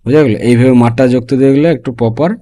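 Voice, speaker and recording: A man's voice: mid-range voice, steady tone, rapid-fire, warm tone. A man teaching a spoken language lesson, explaining phrase by phrase and often checking in with his listeners.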